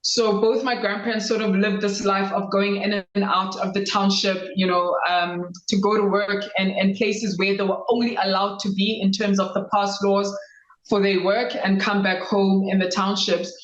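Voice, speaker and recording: A South African woman in her thirties, a lawyer telling her life story in a measured, reflective way. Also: medium pitch, level tone, echoey room, highs cut off. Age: 30s. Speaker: guest lawyer. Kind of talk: interview conversation.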